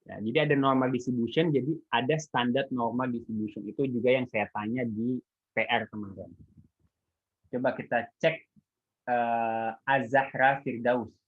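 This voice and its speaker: A man's voice: medium pitch, steady tone, moderate pace. A man with a Jakarta Indonesian accent and a slightly imprecise R, lecturing informally and often checking that listeners follow. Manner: colloquial, checks understanding with frequent tags. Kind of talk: informal online statistics lecture. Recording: echoey, muffled phone-like call sound.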